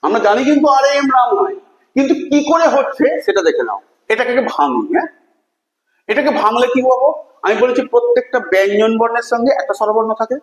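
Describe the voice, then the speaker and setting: High-pitched lively male teacher. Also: fast. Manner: questions and answers with students, spells words letter by letter. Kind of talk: classroom lesson. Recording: echoey room with long reverb.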